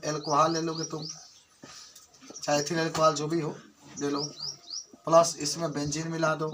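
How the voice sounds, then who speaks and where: A man's voice: on the high side, a bit bright, a little hiss or hum. A man teaching a chemistry class, repeating key terms and firing questions at his students. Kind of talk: classroom lecture.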